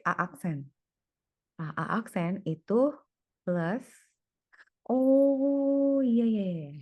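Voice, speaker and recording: A woman's voice: lowish voice, no room sound. A woman tutoring one student, working through problems aloud and murmuring each step as she goes. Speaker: private tutor.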